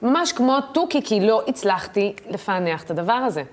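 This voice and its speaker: A woman guest in a casual interview, an impressionist who tells animated stories and acts out the voices in them. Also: mid-range voice, slight background noise.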